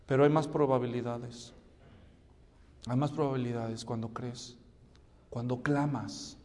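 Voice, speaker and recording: High-voiced male preacher, echoing hall. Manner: animated storytelling, asks the congregation questions. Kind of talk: sermon. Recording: reverberant hall.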